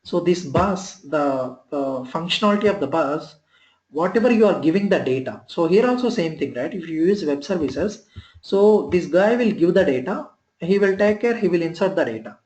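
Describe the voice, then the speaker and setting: A man teaching a live online training session, heard through a screen recording of the call, talking in halting, repeated phrases and often checking if the class follows. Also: fairly high pitch, animated, darkish tone, echoey room, poor audio. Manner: halting, repeats himself, often checks "you are clear?". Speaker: software trainer.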